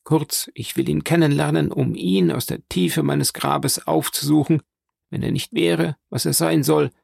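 A man's voice: fairly high pitch, steady tone, a little slow, gravelly, a little mellow, slightly rough, dry recording, studio quality, heavily acted. A man voicing a frail, stern old grandmother who speaks in an imperious, insistent way, in an audiobook reading. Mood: commanding.

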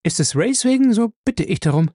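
A man's voice: sits high, very animated, fairly quick, mellow, slightly rough, dry recording, studio quality, voice pushed up, exaggerated voice. A man reading aloud and voicing an anxious young woman who asks worried, urgent questions.

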